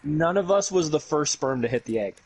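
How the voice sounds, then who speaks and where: A man's voice: fairly high pitch, animated, brisk, slightly rough. A man chatting casually on a stream, blunt and crude in his jokes. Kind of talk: casual chat.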